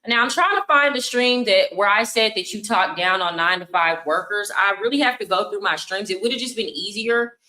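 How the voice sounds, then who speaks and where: A woman's voice: mid-range voice, animated, a little fast, few pauses, sharp tone, reverberant, rough recording. A young woman, streaming and commenting bluntly on clips in casual talk. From United States. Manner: blunt, scolding, talks over clips.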